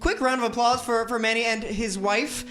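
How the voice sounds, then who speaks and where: A man's voice: very high voice, fairly even intonation, moderate pace, pushed and bright. A man hosting as game master, upbeat and welcoming as he opens the stream.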